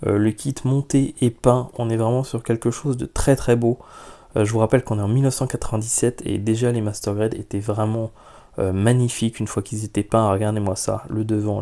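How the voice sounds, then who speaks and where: A man's voice: fairly low pitch, dark tone. Chatty French man unboxing a model kit. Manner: chatty, many hesitations, frank opinions. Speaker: YouTube model-kit reviewer. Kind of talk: casual unboxing vlog.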